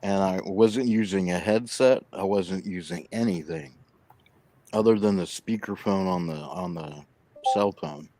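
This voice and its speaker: A man's voice: sits low, expressive, measured pace, mellow, a little hiss or hum. A man with a slight lisp from missing front teeth, chatting casually on a live stream, telling a long rambling story and mumbling a little. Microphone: laptop.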